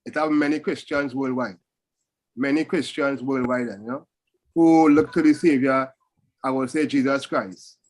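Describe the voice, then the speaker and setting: A man's voice: medium pitch, steady tone, a little slow, darkish tone, poor audio. Man, Caribbean accent, Rasta speech, mid-range voice, casual spiritual reasoning, patois turns of phrase. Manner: Rasta speech, patois phrasing with repeated "you know" and "still". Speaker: panel speaker.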